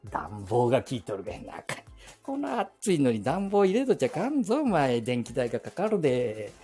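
Man in his 70s, nagoya dialect, lively rise and fall in his voice, rambling talk while out walking, faint music behind. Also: mid-range voice, moderate pace. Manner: chatty, talks to himself, frequent chuckles and asides. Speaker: podcast host. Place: walking outdoors and inside a bank ATM booth.

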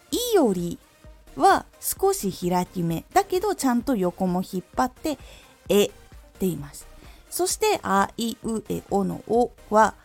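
A woman who used to be a voice actor hosts an audio stream and teaches diction, demonstrating each vowel clearly. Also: fairly high pitch. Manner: lively teacherly delivery with clear articulation demos. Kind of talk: instructional talk on diction.

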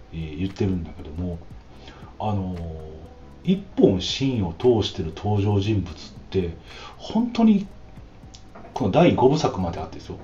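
Deep-voiced man chatting on a podcast. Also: mellow, echoey room, lo-fi sound. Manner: chatty, with frequent drawn-out "um" fillers. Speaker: podcast host. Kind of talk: casual solo podcast talk.

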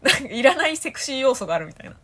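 A woman co-hosting a casual talk podcast, chatting in a lively, giggly way and jumping high when excited. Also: rapid-fire. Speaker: podcast co-host. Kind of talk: casual chat.

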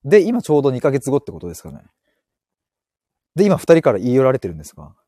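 A man's voice: mid-range voice, wildly swooping pitch, fast, warm tone, no room sound, studio quality. A man hosting a casual live stream, reading listener comments and joking with frequent laughter while he walks outdoors, speaking into an earphone mic. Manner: playful, laughs often, joking. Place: outdoors, walking.

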